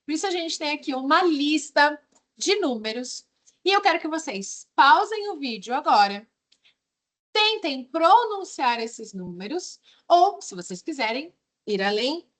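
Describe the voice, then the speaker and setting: A woman with a Brazilian accent teaching English in a video lesson, explaining patiently and drilling words one by one. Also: high voice. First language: Portuguese.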